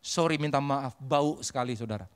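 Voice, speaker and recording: A middle-aged man, a pastor, preaching a sermon, dropping to quiet asides and rising to loud emphatic peaks, often addressing the congregation directly. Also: mid-range voice, normal speed, clear, resonant tone.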